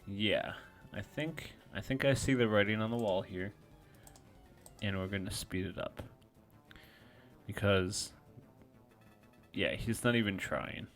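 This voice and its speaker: Man, lowish voice, casual match commentator, self-mocking asides, faint music underneath. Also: fairly bright tone. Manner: self-deprecating, thinks aloud, frequent restarts. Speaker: game commentator.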